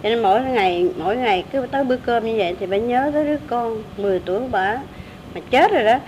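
A woman with a Southern Vietnamese accent preaches a Buddhist story in a loose, conversational way. Her high voice sounds in an echoey room, picked up from a distance with a faint rumble behind. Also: quick pace, a little mellow. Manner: conversational, with fillers like "đó" and "á". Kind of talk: sermon storytelling.

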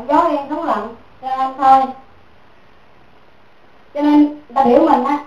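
A woman's voice: high voice, a little mellow, muffled recording. Woman, Buddhist teacher, dharma talk, repetitive questions, echoey hall, distant mic. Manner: repetitive, keeps asking listeners "right?". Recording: echoey room, mic far off.

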